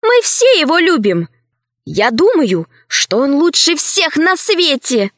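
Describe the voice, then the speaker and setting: A woman playing a bold schoolgirl heroine with a high, lively voice that moves around a lot. She is demanding and quick to press, and the dry, close recording keeps her sharp. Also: dry recording, exaggerated voice. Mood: spirited. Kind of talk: audiobook character voice.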